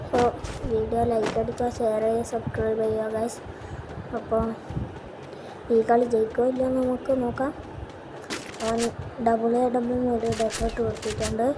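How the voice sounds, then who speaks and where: Malayali girl gamer chatting over gameplay, malayalam english mix, highish voice, gunfire noise behind her. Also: flat delivery, normal speed, long pauses. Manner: mixes English gaming words into Malayalam. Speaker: gaming video host. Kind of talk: casual gameplay commentary. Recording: noisy game audio with gunfire. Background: video game gunfire and ambience.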